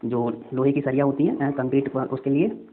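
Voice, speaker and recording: A man's voice: mid-range voice, moderate pace. A young man teaching an exam-prep lesson, chatty, often repeating answers back as quiz questions. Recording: tinny phone-like audio.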